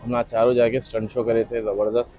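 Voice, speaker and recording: A man's voice: medium pitch, level tone, a little fast, mellow. Young man telling a rambling story. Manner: rambling, reenacts dialogue. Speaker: vlogger. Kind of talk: casual storytelling. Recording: dull lo-fi audio with faint music.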